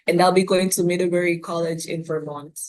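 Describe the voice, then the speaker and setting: A young woman answers panel questions on a video call. Her voice sits a little low, and her answers are earnest, with pauses to find her words. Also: steady tone, a little mellow. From Tanzania. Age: young adult. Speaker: incoming college student panelist.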